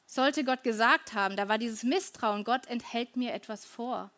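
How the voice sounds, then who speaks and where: Middle-aged woman, high voice, earnest chatty devotional speaker who keeps addressing her listeners. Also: normal speed, a bit bright. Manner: earnest, conversational, asks listeners directly. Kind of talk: devotional talk on worry.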